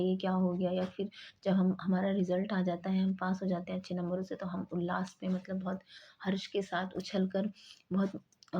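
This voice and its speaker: A woman teaching an exam-prep grammar lesson, explaining each term and then acting out short example sentences with stress on the key word. Her voice sits at a medium pitch. The recording sounds slightly dull and muffled. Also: mellow, husky.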